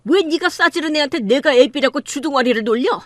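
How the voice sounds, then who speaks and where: A woman's voice: sits high, animated, brisk, a bit bright, dry recording, studio quality. A woman voicing an arrogant, crude middle-aged man who runs a law firm, in an audiobook drama reading, talking in a sneering, bullying way.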